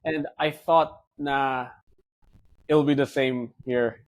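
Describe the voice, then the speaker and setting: A man's voice: mid-range voice, fairly even intonation, slow. A man in his forties with a Filipino accent, a guest telling stories in casual conversation and switching between English and Tagalog. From Philippines. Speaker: guest, wealth manager.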